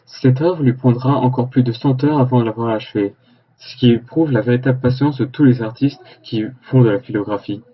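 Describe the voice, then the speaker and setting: Man as a husky, earnest news reporter. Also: mid-range voice, brisk, dull audio, lightly acted. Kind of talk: scripted parody news narration.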